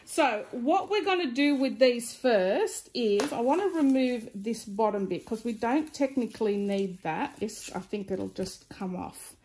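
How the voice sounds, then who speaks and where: High-voiced Australian woman with an aligner lisp. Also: lively intonation, unhurried, hardly any pauses, a little mellow, slight background noise. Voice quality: slight lisp from wearing clear retainer-style aligners. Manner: informal, chatty demonstrating while handling items. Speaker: DIY craft vlogger. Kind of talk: casual craft tutorial.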